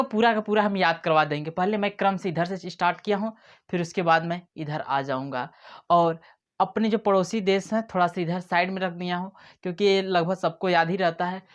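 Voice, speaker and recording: In a high, somewhat bright voice, a man presents a playful mnemonic lesson to camera, acting out little scenes to explain memory tricks. The audio comes across as dull and lo-fi.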